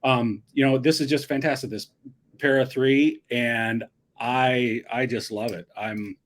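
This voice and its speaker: Middle-aged man, guest on a chat show, even mid pitch, loose and rambling. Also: measured pace. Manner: rambling, friendly, restarts often. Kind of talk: casual chat.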